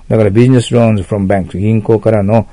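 A man teaching English vocabulary in an e-learning lecture, explaining patiently, correcting himself, often clearing his throat and trailing into a whisper at sentence ends. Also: lowish voice, steady tone, moderate pace, warm tone, no echo. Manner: explains patiently, self-corrects, asks rhetorical "ね".

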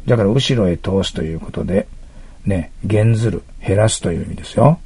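A man teaching English listening test answers in a lecture, explaining each answer with frequent little check-ins to his listeners, and reading the English lines slowly with a Japanese accent. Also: low voice, a little mellow, slightly rough, dry recording.

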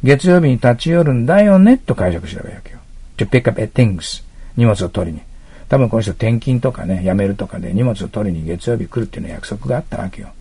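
A man with a low, gravelly, somewhat husky voice lectures through English test answers. His tone is dark and mellow, and his pitch rises and falls a lot as he explains. He reads the English lines slowly with a Japanese accent. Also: very animated, no echo. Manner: explanatory, keeps checking in with frequent asides.

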